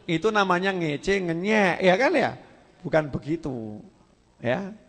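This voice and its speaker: A man with a Javanese accent preaching a sermon in a lively, joking way, often acting out other people's voices. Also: high-pitched, unhurried, long reverb tail.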